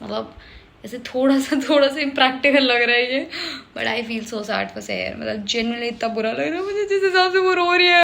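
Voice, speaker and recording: A woman's voice: a little high, fairly bright tone. A woman reviewing a TV episode in casual chat, emotional and dramatic, repeating herself for emphasis and mixing in English phrases. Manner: emotional, switches between Hindi and English mid-sentence. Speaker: show reviewer.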